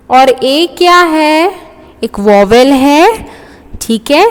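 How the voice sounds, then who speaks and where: A high-voiced woman teacher talks through a grammar lesson very slowly, spelling things out step by step in Hindi and English. She keeps stopping to ask "okay?" to check that the class follows. Her voice rings with a long reverb, as if in a hard-walled classroom. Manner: explains step by step, checks understanding with frequent "okay?".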